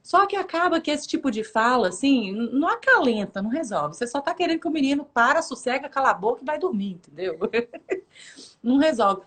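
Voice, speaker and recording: A high-pitched woman tells a personal faith story in a casual, animated way. She swings her pitch widely as she acts out each quoted voice. She laughs often as she talks. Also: fairly quick, husky. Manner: laughs often while telling.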